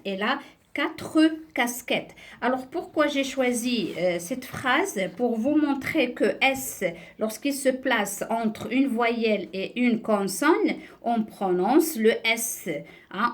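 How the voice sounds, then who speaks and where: A woman teaching a beginner French reading lesson, explaining slowly and patiently, often pausing with "euh" and asking the class to look. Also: on the high side, echoey room, recorded from a distance. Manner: slow, patient explaining with many "euh" and "regardez".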